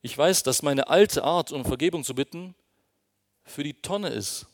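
Gravelly-voiced man preaching in a hall. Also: fairly high pitch, a little slow. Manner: earnest, emphatic, addresses congregation directly. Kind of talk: sermon. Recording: long reverb of a hall.

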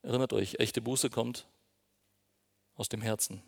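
A man's voice: medium pitch, steady tone, unhurried, gravelly, breathy edge. A man preaching a sermon, earnest and emphatic, speaking directly to his congregation. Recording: long reverb of a hall.

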